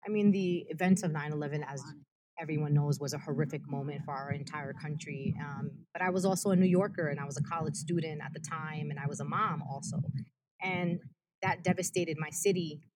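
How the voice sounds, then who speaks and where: Over crowd noise and poor audio, a deep-voiced American woman speaks as an activist guest in an interview. She is earnest and passionate, talking fast and with emphasis.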